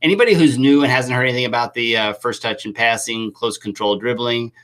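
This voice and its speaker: A man's voice: mid-range voice, fast, a bit bright. A man coaching youth soccer, talking through a live chat Q&A with enthusiastic, rambling restarts.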